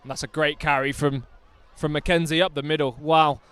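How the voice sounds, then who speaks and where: A man's voice: on the high side, steady tone, moderate pace, fairly bright tone, clean tone. A man doing live rugby commentary outdoors, chatty and enthusiastic with jokey asides.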